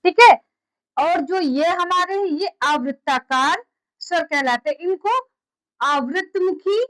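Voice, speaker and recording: Slow, high-voiced woman teaching a class. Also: expressive, fairly bright tone, rough recording. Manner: repeats key terms slowly, quizzing students with questions. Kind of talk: classroom lecture.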